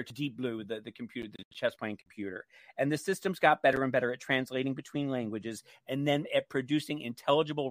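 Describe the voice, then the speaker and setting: Male radio co-host, middle register, casual talk and read-aloud, no room echo. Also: mid-range voice.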